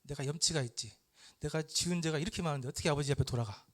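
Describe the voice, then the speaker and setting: A man's voice: on the high side, very fast, lightly acted. A man playing an ashamed young prodigal son. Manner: hesitant, muttering to himself.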